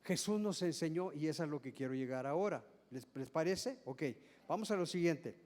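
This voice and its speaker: High-voiced pastor preaching in a hall. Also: male voice, expressive, normal speed, darkish tone. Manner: explanatory, asks the congregation questions; repeats and restarts words often. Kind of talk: sermon. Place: church service hall.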